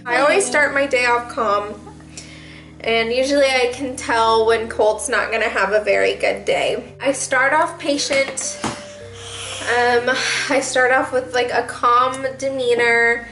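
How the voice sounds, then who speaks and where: Chatty young mom venting, bright voice. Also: female voice, fairly high pitch, fairly even intonation, slow pace, soft background music, rough recording. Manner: chatty, rambling, laughs often, many fillers. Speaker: mom vlogger. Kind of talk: casual venting to camera.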